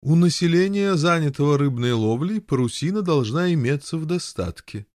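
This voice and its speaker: An eager, bossy knight presses his plans, a touch higher than a plain speaking voice, as a man reading a storybook puts him on. The sound is close and dry. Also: lively intonation, moderate pace, a little mellow, no echo, lightly acted. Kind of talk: audiobook character voice.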